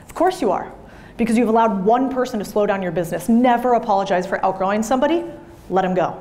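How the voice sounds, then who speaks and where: A woman's voice: mid-range voice, quick pace, a little mellow. A woman in her thirties giving a blunt, emphatic motivational talk to a live audience, swearing freely. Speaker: business speaker. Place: event room with audience.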